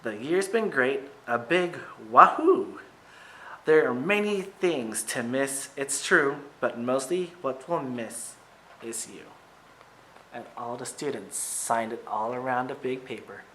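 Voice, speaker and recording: Reading a picture book to a group of children, a teacher uses emphatic, expressive delivery and brief asides to the kids. He speaks slowly in a mid-range voice, captured on a rough recording with a bit of hiss or hum.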